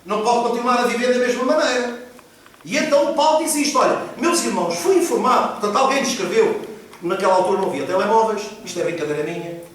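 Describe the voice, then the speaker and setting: A man's voice: very high-pitched, quick pace, a little hiss or hum. A male pastor preaching a sermon, emphatic and asking the congregation questions. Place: church hall. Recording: echoey hall, mic far off.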